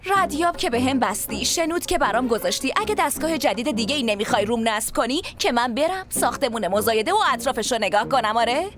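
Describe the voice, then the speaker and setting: Woman dubbing a spirited young heroine, high voice. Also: animated, lightly acted. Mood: defiant. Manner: quick, emotional and reassuring. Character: spirited young woman searching for her sister. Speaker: lead character. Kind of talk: dubbed TV drama.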